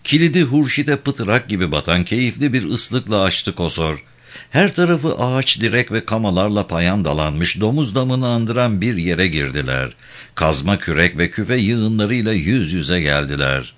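Brief: male audiobook narrator, very low voice, animated and expressive delivery. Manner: expressive, measured storytelling.

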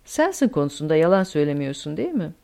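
A woman voicing a calm, fatalistic older male German officer in an audiobook. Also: sits low, fast talker, vocal fry, exaggerated voice. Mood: resigned.

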